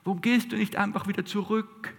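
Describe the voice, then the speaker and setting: A man's voice: sits high, steady tone, a little fast, gravelly, long reverb tail, pitched above the performer's own voice. A man voicing a scornful inner critic that belittles and nags the listener. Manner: scornful, mocking.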